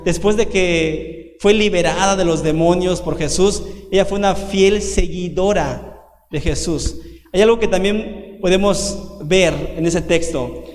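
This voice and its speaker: A man in his thirties preaches to his congregation, asking questions and drawing out key phrases slowly. His voice sits high for a man. It carries through an echoey church hall with a long reverb tail. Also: darkish tone. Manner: preaching with sudden slowdowns and rhetorical questions. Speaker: pastor. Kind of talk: sermon.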